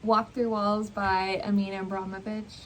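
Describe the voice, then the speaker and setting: A young woman co-hosts a casual book vlog, chatting informally and hesitantly with plenty of fillers. Her voice is medium-pitched and a bit bright, with a level tone and measured pace. Ambient noise and distant people can be heard.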